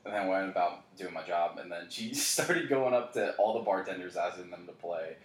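A man's voice: low voice, brisk. A young man, a bartender, telling a story in casual chat, swearing freely and acting out what people said. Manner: animated storytelling, swears freely, acts out quotes. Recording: echoey room.

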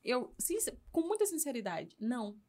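A woman, a missionary guest, answering in a casual interview in an earnest, thoughtful way with pauses to restart. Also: on the high side, big pitch swings, a little mellow.

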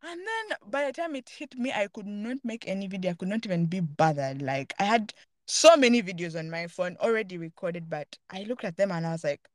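Woman host, thoughtful casual chat, middle pitch, dry recording. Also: animated, brisk, no room sound. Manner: earnest, thoughtful, searching for words. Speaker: podcast host.

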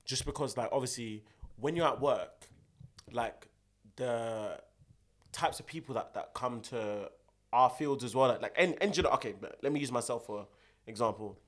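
A man's voice: medium pitch, moderate pace. A young man with a London roadman accent, bantering casually in slang and repeating phrases for emphasis. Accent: London roadman, urban multicultural London slang. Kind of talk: casual banter between friends.

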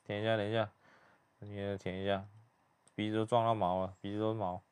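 Young man, smooth clear voice, quiet muttered play-by-play reaction host. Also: fairly low pitch, level tone, quick pace. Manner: hushed, muttered running commentary.

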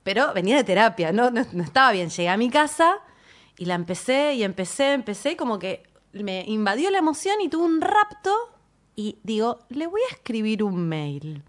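A woman's voice: on the high side, big pitch swings, moderate pace. A woman in her thirties with an Argentine accent, telling a personal story in casual chat and quoting herself. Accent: Argentine Spanish.

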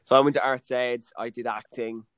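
A man's voice: mid-range voice, normal speed, clear, resonant tone, no room sound. A young man, a comedian hosting a casual chat, telling stories and acting out the voices of people he quotes. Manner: animated, acts out quoted voices. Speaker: comedian and podcast host.

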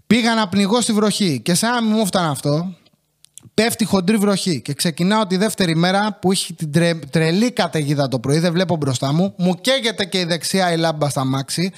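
A young man with a notably high-pitched voice rants through a casual comic monologue. He swears constantly and grumbles his way through his podcast stories. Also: expressive. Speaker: podcast host.

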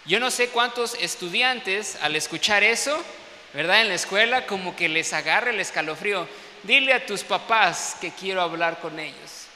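A middle-aged man preaches in a lively storytelling way, often checking in with his listeners. His voice is high and very bright. It echoes with long reverb in a church hall, with a faint hiss underneath. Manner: storytelling, animated, peppered with tag questions. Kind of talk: sermon.

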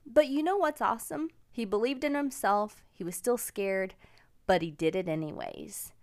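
A woman's voice: medium pitch, moderate pace, a little mellow. Woman, 40s, podcast host, casual storytelling, upbeat, encouraging.

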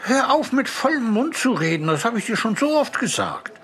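Guy doing a strict mum telling her kid off, high sing-song, kids audiobook. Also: very animated, normal speed, a bit bright, soft background music, full character voice. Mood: scolding. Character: friendly but strict mother. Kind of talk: children's audiobook.

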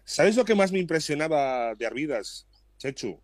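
A Spanish man jokes and exaggerates while recalling old players, swearing freely. His voice is mid-pitched. Crowd chatter is heard behind him. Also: big pitch swings, moderate pace. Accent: Spanish from Spain. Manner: jokey, emphatic, swears casually. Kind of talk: casual chat.

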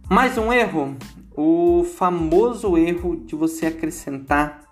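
A man with a Brazilian accent giving a casual English lesson, chatty and repeating words aloud to show how they sound. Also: medium pitch. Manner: chatty, repeats words to demonstrate pronunciation, asks "entendeu?". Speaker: English teacher.

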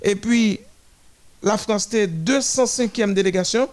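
A man's high-pitched commentary follows a parade of nations, ticking them off individually while he falters and restarts.

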